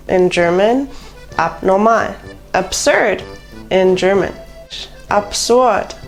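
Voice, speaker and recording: Slow, deliberate woman teaching vocabulary. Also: mid-range voice. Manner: slow, deliberate word-by-word delivery. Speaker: language teacher. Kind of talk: vocabulary lesson. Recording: faint background music. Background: faint background music.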